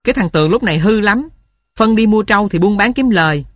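A woman's voice: mid-range voice, expressive, fast talker, no room sound, lightly acted. A woman voicing a fussy, easily riled older village man, grumbling and scolding.

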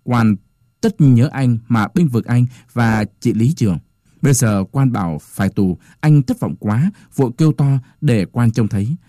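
Brief: male audiobook narrator, mellow dark tone, dramatic delivery. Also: mid-range voice, moderate pace, no room sound, studio quality. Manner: dramatic expressive reading. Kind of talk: audiobook story reading.

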